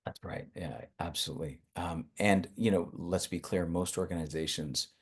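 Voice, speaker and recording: A man with a very deep, husky voice runs a webinar over a video call. He affirms what participants say, speaks in a measured way, and calls on the next person. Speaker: workshop facilitator. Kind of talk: facilitating a webinar.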